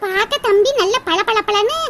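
A woman voicing a bossy, nosy older woman in a cartoon, loud and teasing. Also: extremely high pitch, moderate pace. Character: bossy, nosy older village woman, elder sister figure. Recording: loud hiss over the voice.

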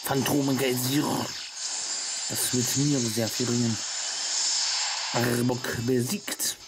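A man's voice: medium pitch, flat delivery, slow, heavy background noise. A man giving casual video game commentary and reading on-screen text aloud as he plays. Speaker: let's-play gamer.

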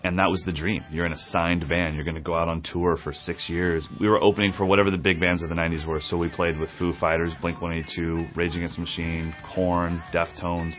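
A very deep-voiced man in his forties speaks as a drum teacher in a documentary interview. He tells his story in a candid, reflective way. The sound is a little dull and muffled, with soft music under it. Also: little pitch movement, fairly quick, few pauses. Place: indoor drum studio. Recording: slightly dull, muffled audio.

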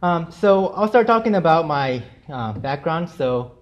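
A young Japanese man, a native Japanese speaker, gives a relaxed, chatty gallery-style lecture about his art to students in a university lecture room with a projector screen, sprinkling in friendly fillers. His voice sits on the high side, with lively intonation and an unhurried pace. The audio sounds dull.

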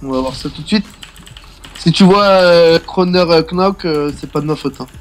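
A man's voice: on the high side, normal speed, a little hiss or hum. A young man hosting a gaming video, chatting casually and teasing his teammate from a small room at home. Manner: teasing, joking banter.

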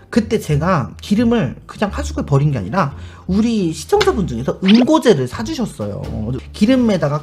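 A man hosting a casual storytelling vlog, chatty and animated, acting out the people he quotes. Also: a little high. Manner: chatty, many fillers, addresses viewers. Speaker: YouTuber host.

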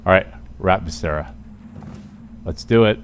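A man's voice: low-pitched, a little slow. A man giving casual video game commentary and reading in-game texts aloud. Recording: clear background noise from game. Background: game ambience.

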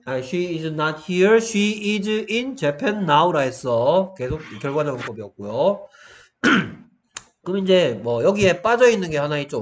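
A male English teacher giving an online grammar lesson, his voice a little strained from shouting, who breaks into exaggerated student exchanges. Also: fairly high pitch. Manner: animated, acts out student exchanges in a raised voice.

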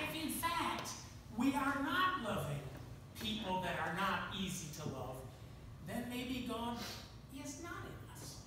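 Older male pastor in an echoey church. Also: very high voice. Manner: folksy storytelling with self-deprecating asides. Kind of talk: sermon. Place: church sanctuary with pipe organ. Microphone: room camera from the back of the church. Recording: echoey church, distant camera, audible room noise.

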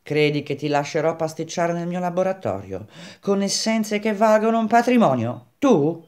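A man's voice: medium pitch, a little slow, darkish tone, natural voice. A man reading a novel aloud, voicing an aging, blustering male perfumer who mocks and lectures. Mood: scornful. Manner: mocking, bellowing.

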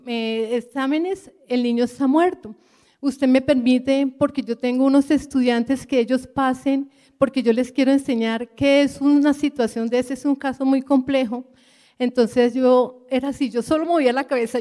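A woman's voice: a little high, mellow. A woman giving an earnest personal testimony to her church congregation, addressing them as brothers and sisters.

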